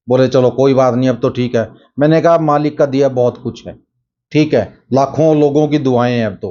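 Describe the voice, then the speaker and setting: A man's voice: medium pitch, dark tone. A middle-aged man casually retelling a story, acting out both sides of the talk and often adding filler phrases. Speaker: dream-telling video host. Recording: dull lo-fi sound.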